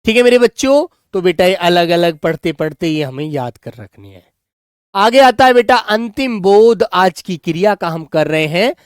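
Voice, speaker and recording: A male teacher giving a grammar lesson to children, slowly dictating and repeating words so they can write them down, and speaking affectionately to his pupils. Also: high voice, animated, smooth, no room sound, studio quality. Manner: affectionate, calls students "beta".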